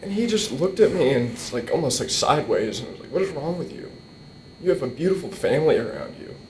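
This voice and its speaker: His pitch swinging widely, a young nephew of the deceased delivers an informal eulogy at a memorial, halting and repeating words as he struggles to keep composure. He speaks into a boom-stand microphone in an indoor hall, and the audio carries a roomy echo with a faint rumble.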